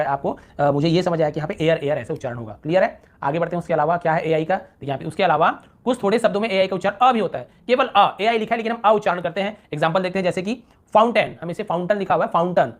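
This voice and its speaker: Quick-talking male tutor walking viewers through spelling rules, stretching out each example word. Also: sits high. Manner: repeats example words slowly and stretched; asks the viewer rhetorical checks. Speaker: English pronunciation teacher. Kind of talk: Hindi-language pronunciation lesson.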